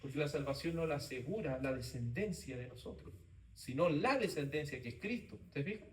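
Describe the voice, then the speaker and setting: Male Bible teacher, slightly high voice, lectures in short repeated phrases, recorded from across an echoey room. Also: expressive, a little fast, distant mic. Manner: speaks in short phrases, repeats key points, asks the class to confirm. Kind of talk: theology class lecture. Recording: roomy echo, voice from off-mic, faint background noise.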